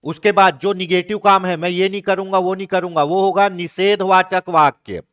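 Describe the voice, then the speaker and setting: A male teacher giving an exam-prep grammar lesson, asking the class questions, answering them himself and repeating key words slowly. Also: high-pitched, steady tone, fairly bright tone, clean tone.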